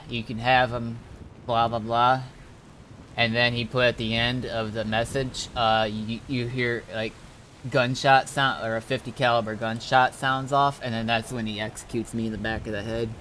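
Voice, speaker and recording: Over his gameplay, this man, a streamer and server admin, rambles in a hesitant, casual way and often says things twice. His voice is mid-range and fairly bright, and there's a little background noise.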